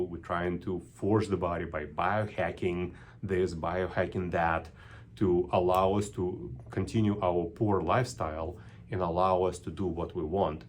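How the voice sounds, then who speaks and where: A middle-aged neurologist with a Russian accent speaks to camera in a low voice, thinking as he goes, with lots of ums and restarts. There's a slight hiss or hum on the recording.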